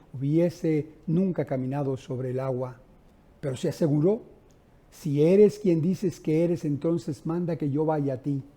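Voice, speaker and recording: Calling his congregation brethren, a high-pitched male preacher delivers an impassioned evening sermon in church, growing louder and softer as he recounts stories.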